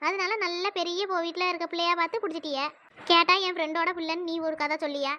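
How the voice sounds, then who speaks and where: High squeaky cartoon auntie, fast scolding, dull lo-fi sound. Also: little pitch movement, sharp tone. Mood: complaining. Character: indignant middle-aged village woman, the sister. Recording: dull lo-fi audio.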